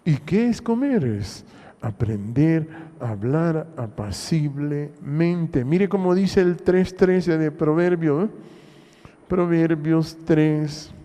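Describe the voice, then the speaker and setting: A Honduran man preaches a sermon as pastor, slow and deliberate, his somewhat high voice rising and falling widely. His tone is dark and mellow, and he keeps asking the congregation rhetorical questions. A long church reverb hangs behind every phrase. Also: animated. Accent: Honduran Spanish. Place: church hall.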